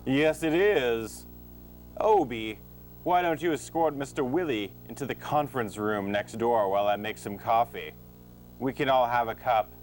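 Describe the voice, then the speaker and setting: A man playing a smooth-talking, unethical professor with a pompous, falsely genial manner in an amateur comedy audio drama. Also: mid-range voice, normal speed, a little hiss or hum, lightly acted.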